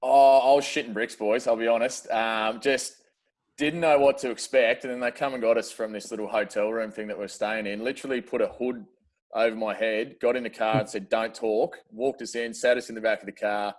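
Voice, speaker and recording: A man's voice: medium pitch, steady tone, a little fast. An Australian man in his thirties, a podcast guest telling stories in casual chat, with lots of "uh" fillers and casual swearing. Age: 30s. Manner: chatty storyteller, frequent "uh" fillers, casual swearing.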